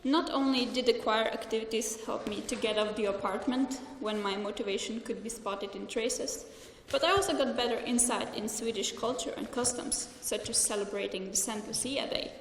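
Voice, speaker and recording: A young woman from Slovenia gives a formal graduation speech in English from a lectern. She reads carefully and earnestly, stumbling slightly now and then, her somewhat high voice echoing through a large hall with faint room ambience. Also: moderate pace, hardly any pauses, a little hiss or hum. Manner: careful, earnest, read from notes with small restarts.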